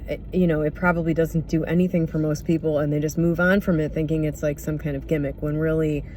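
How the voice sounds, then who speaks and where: Casting: mid-pitched voice for an unscripted reflective monologue, candid, hesitant, casual, with faint vehicle-like noise behind. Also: mellow. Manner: candid, hesitant, searching for words. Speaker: podcast or vlog host.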